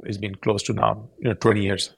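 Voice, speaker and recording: A man's voice: lowish voice, level tone, fairly quick, gravelly, fairly bright tone, husky, no room sound. A man in his forties from Pakistan, giving earnest, explanatory answers as a podcast guest. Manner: earnest, explanatory, with frequent restarts. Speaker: tech company founder, guest.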